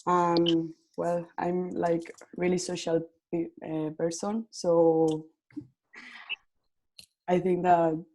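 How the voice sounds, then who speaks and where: A woman's voice: fairly low pitch, monotone, extremely slow, warm tone, poor audio. A young woman from Venezuela, a university student, introducing herself hesitantly on a video call. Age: young adult. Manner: hesitant, giggly, searching for words. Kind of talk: casual self-introduction.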